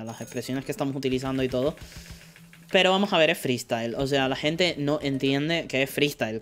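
A man's voice: mid-range voice, a bit bright. A man from streaming a cooking game, chatting casually and muttering order items under his breath, swearing when frustrated. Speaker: gameplay streamer. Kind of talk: casual commentary while playing.

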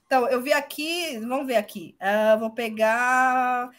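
A woman's voice: fairly high pitch, measured pace, fairly bright tone. A woman in her thirties, a guest on a video call, chatting casually and telling jokey stories with the odd swear word.

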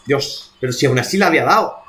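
A man's voice: mid-range voice, animated, fast talker, background noise. A man from streaming a video game live, talking to himself in exasperated bursts and swearing as he plays. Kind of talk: live gameplay commentary.

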